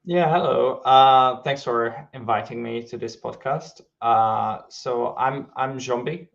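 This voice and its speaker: Speaking slowly in a gravelly, medium-pitched voice, a game studio co-founder from Hungary gives a casual interview in a Hungarian accent. He stays relaxed, often using fillers and restarting sentences, while the recording has its highs cut off.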